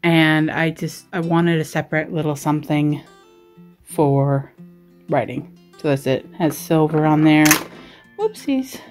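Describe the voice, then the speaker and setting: A woman's voice: low voice, a little slow, a little mellow, soft background music. A woman from Australia giving a casual, chatty show-and-tell as a vlogger, rambling in a giggly, self-deprecating way. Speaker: vlogger and writer giving a desk tour.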